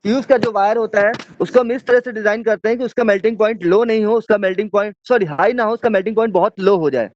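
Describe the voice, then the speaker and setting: A man's voice: sits high, quick pace, few pauses, darkish tone, no room sound, lo-fi sound. A male teacher giving an online class lecture, explaining step by step and often checking that students follow.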